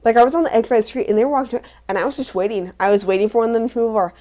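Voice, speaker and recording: A young woman co-hosting a podcast, telling stories in a casual, animated way with lots of "like" fillers. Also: on the high side, racing. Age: young adult. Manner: animated storytelling, many "like" fillers. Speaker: podcast co-host. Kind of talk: casual chat.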